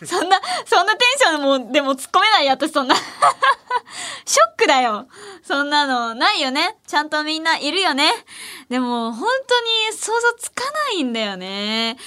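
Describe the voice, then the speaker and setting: A woman's voice: high voice, lively intonation, normal speed, pushed and bright. A young woman hosting a late-night radio show, chatting casually in a playful, teasing way and laughing often. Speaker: radio host. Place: radio studio.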